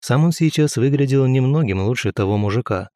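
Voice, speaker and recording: A man's voice: medium pitch, animated, fairly quick, warm tone, no room sound. A man reading a first-person audiobook in a wry, dry way. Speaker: narrator.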